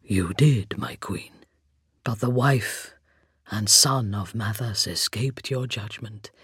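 A narrator voicing a solemn, devoted undead skeletal knight with a hollow, rasping voice and slow, grave, breathy whispers in an audiobook. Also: medium pitch, fairly bright tone, no room sound, studio quality, pitched below the performer's own voice, full character voice. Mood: grave devotion. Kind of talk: audiobook character voice.

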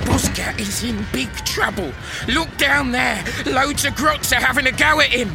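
A woman's voice: sits high, normal speed, creaky, loud music behind the voice. A woman playing an anxious, earnest little green creature in an audio drama. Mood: worried.

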